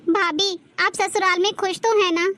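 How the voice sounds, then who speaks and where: A woman's voice: extremely high pitch, fairly even intonation, moderate pace, sharp tone. A young woman playing a married daughter who chatters about her household burdens in a family drama skit. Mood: gentle. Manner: complaining, talkative.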